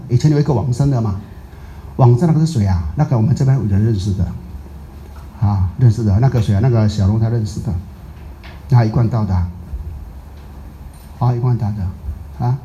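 A man gives a dharma talk as a Buddhist master, his voice strikingly dark and mellow. He tells stories with lively energy and keeps checking whether his listeners follow. He also slips English words into what he says. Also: medium pitch, a little fast, pauses often, a little hiss or hum, poor audio. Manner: drops English words into speech.

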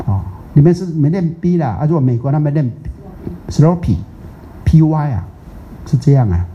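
A man's voice: a little high, animated, fast, dark tone, a little hiss or hum. An older man from Taiwan, a Buddhist teacher giving a chatty, teasing dharma talk, drawing out English words. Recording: muffled lo-fi recording.

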